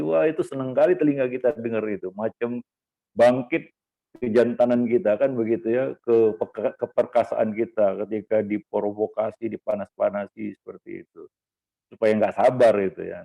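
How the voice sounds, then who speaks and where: Gravelly-voiced man preaching over a tinny line. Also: medium pitch. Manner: homely, teasing asides with laughs and fillers. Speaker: ustaz giving a parenting talk. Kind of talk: Islamic study talk to fathers. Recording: lo-fi phone-like recording.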